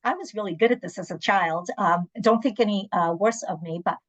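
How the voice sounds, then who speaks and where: Speaking briskly in a medium-pitched voice, this woman, a native Portuguese speaker from Angola and South Africa, is a guest on an interpreter services panel. She talks candidly and conversationally, sharing anecdotes punctuated by emphatic asides.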